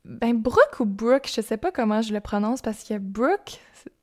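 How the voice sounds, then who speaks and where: A woman's voice: a little high, lively intonation, normal speed, darkish tone. A young woman with a Québécois accent casually telling a true-crime story on a podcast, chatty and informal with asides. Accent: Québécois French.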